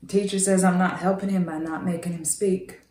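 An actress in her thirties playing a hurt woman leaving her fiancé, in a halting, searching soliloquy that drops toward breathy near-whispers. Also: medium pitch, expressive, dark tone. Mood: searching, aching. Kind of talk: searching dramatic monologue, soliloquy. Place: small indoor room, plain backdrop. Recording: roomy indoor echo.

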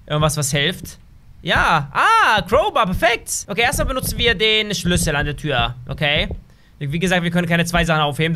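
A man giving excitable, chatty let's play commentary as a gaming YouTuber, talking straight to his viewers. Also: sits high, a little hiss or hum.

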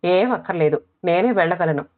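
Storybook young woman, headstrong, teasing, read by a woman, low voice, thin lo-fi audio. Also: a little fast, lightly acted. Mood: insistent. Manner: pert, insistent, teasing. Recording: tinny phone-like audio.

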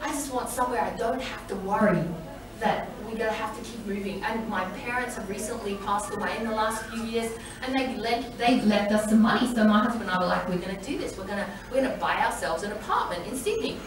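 A woman's voice: mid-range voice, quick pace, a crowd in the background. A middle-aged woman church leader giving a personal testimony, telling her story with animation, acting out quoted voices and laughing often. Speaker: church leader, women's day speaker. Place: large church hall. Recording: echoey hall, mic from far off, faint noise.

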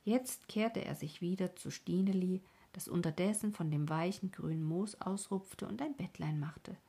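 A woman hosting a sleep podcast, reading a bedtime story in a soft, calm, breathy half-whisper. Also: on the low side. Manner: soft, calm, slow reading to lull listeners.

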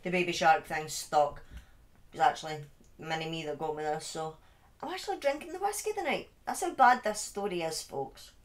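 Here the British true crime streamer, middle-aged and with a speech impediment, sounds low-pitched, animated and brisk. She chats and tells stories informally and dramatically on her livestream. Her close desk microphone sits on a boom arm in a small, dim indoor room.

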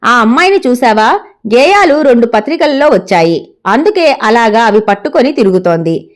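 An upbeat college friend cheers her pal on, with a fairly high and animated voice, as a woman narrator voices her. She is part of a read-aloud audio story. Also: moderate pace. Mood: encouraging. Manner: upbeat, encouraging. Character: cheerful encouraging young college girl friend.

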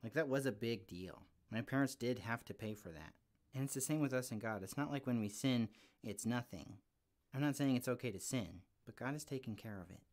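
Voicing a friendly puppet kid, this man gives a devotional for children, casual and sincere. His mid-range voice is brisk and a little mellow, and his chatty delivery is sprinkled with "like".

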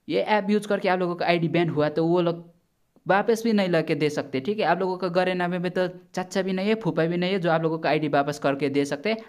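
A gaming YouTuber with a slightly high, slightly mellow voice gives casual gameplay commentary, chatty and blunt. He warns his viewers, swears now and then, and keeps calling them brother.

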